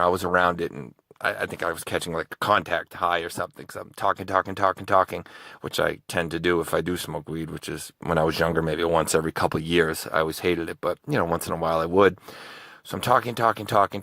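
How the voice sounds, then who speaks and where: A man's voice: deep voice, fairly bright tone, no room sound. A man who hosts true crime videos, telling a personal story in a casual, rambling way with many restarts.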